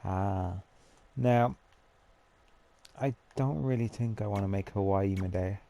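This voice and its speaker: A man with a lowish, gravelly voice talks casually through a game, musing aloud and answering his own questions. His tone is dark and mellow. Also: slow. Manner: chatty, thinks aloud, talks to himself. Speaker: gamer building a character. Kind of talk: casual gameplay commentary.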